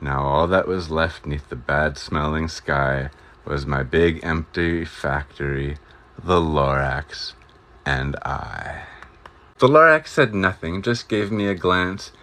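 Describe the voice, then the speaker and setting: A man reading a rhyming storybook aloud as a storyteller, with a rhythmic, expressive delivery. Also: extremely low pitch, takes it slowly.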